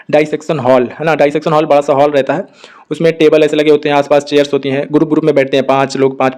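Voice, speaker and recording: A young man, a doctor, giving casual advice to students and checking in with "okay" after almost every point. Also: fairly high pitch. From India. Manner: talks fast in a flat tone, with constant "ठीक है" check-ins. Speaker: doctor giving study guidance.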